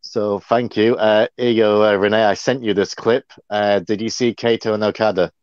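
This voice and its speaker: A man's voice: on the low side, fairly even intonation, moderate pace, a little mellow, no room sound. Man co-hosting, dull dry lo-fi sound. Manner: chatty, rambling, many fillers. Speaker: co-host. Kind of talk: casual livestream chat.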